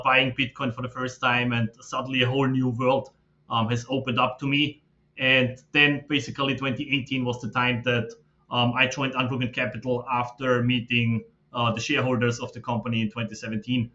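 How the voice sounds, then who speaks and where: A man, a podcast guest who explains his background in a steady, filler-laden way. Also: mid-range voice, a little fast. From Austria. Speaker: guest, fund manager. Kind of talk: casual interview talk. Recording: slightly dull lo-fi audio.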